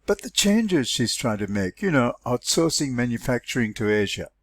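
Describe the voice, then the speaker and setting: A man's voice: medium pitch, big pitch swings, moderate pace, a bit bright, no echo. A man reads the part of a puzzled male business colleague in a story, musing and questioning in a conversational way. He sounds sceptical, in a very dry recording. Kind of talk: story dialogue read aloud.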